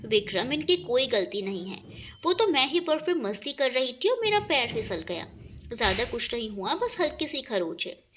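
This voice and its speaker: Sweet young woman calming someone down, cute and gentle, woman narrator reading, high lively voice. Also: moderate pace, a little hiss or hum. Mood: soothing.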